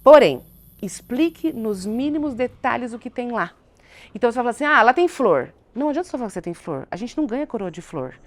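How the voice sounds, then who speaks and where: A woman's voice: a little high, animated, fast talker, darkish tone. A woman psychologist, a guest on a studio talk show, explaining things patiently and often asking and answering her own questions.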